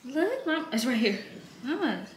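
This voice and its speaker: A woman in her twenties sitting on the floor at home, coaxing her cat in a high sing-song voice. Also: very animated, measured pace, reverberant, slight background noise. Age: 20s. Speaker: vlogger. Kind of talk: coaxing pet-talk.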